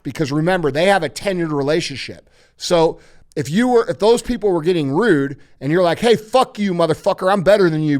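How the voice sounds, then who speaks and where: A man hosting a podcast, giving blunt, emphatic motivational advice with heavy swearing. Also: a little high. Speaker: podcast host.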